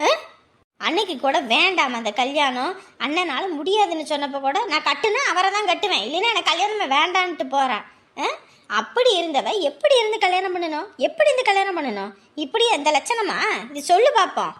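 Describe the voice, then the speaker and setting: A woman's voice: very high voice, very animated, a little fast, a bit bright, heavily acted. A woman playing an anguished village mother in a family drama, scolding and pleading emotionally. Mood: bitter complaint. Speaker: mother of the groom. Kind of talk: Tamil family drama acting.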